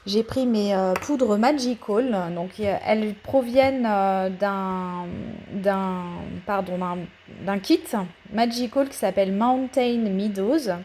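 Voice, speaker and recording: With a mid-range, dark-toned voice and slight background noise, a woman talks through a paper craft tutorial as a voice-over. She goes step by step patiently, sounding hesitant, with lots of pauses and fillers.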